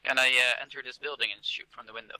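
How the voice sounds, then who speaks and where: A man's voice: medium pitch, fairly even intonation, quick pace, bright, forceful tone, dry recording, low-quality recording. A man making short tactical callouts as a squad member in a military game.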